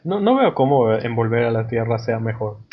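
Man, dry-humored co-host, husky voice, dull call sound. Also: mid-range voice, sing-song, moderate pace. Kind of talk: casual chat.

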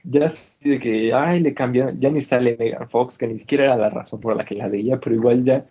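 A man talks in a lively, slangy way, often restarting his sentences. His voice is husky, and the call audio sounds dull and lo-fi. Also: medium pitch, fairly quick. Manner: animated, slangy, frequent restarts. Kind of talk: casual chat. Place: indoors in Canada.

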